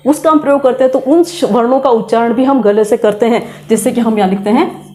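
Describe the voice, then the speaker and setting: Here a middle-aged woman's slightly high, mellow voice moves briskly as she teaches grammar. She patiently explains pronunciation to the class, repeating sounds aloud to show how they should be said.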